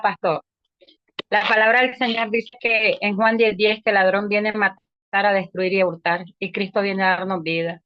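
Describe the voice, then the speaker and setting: A woman's voice: medium pitch, no room sound. Earnest woman answering in class. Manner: earnest, quoting scripture. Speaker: class participant. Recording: dull lo-fi sound.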